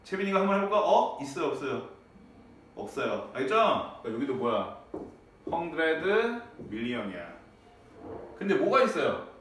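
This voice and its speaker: A man teaching a high school English class in a classroom, checking on students with frequent tag questions. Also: big pitch swings, moderate pace, long pauses. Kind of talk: classroom lecture. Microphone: far from the mic. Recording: echoey classroom, distant mic, faint noise.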